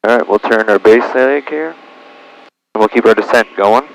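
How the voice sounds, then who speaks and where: Over a cockpit headset, a man with a lowish, gravelly voice narrates his small-plane flight at normal speed for a vlog, making radio calls and talking through each checklist and procedure. The recording is low quality.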